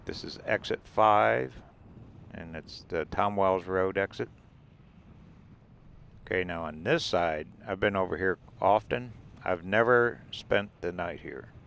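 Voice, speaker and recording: Slow and smooth, with a low voice and vocal fry, a man narrates an RV-travel vlog from behind the wheel on desert roads. He keeps it casual and rambling, pointing things out as they pass.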